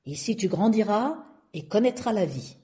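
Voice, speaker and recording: A woman voicing the wind as a calm, guiding companion in a storybook reading. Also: mid-range voice, normal speed, close to an everyday voice. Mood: reassuring.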